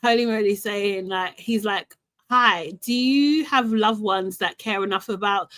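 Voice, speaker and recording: A woman chatting casually about a reality show, animated and exasperated, laughing often. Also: medium pitch, measured pace, no room sound. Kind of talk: casual recap chat.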